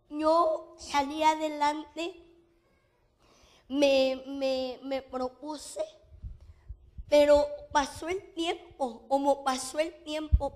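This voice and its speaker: A woman's voice: sits high, darkish tone. A middle-aged woman giving an emotional church testimony, restarting phrases and slipping in English fillers. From Mexico. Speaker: testimony speaker to a congregation.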